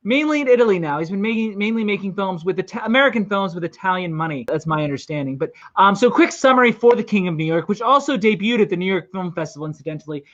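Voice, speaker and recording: Podcast host in their forties, anecdotal storyteller, mid pitch, muffled lo-fi audio. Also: animated, fast, few pauses, fairly bright tone. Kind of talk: casual film podcast chat. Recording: dull lo-fi sound.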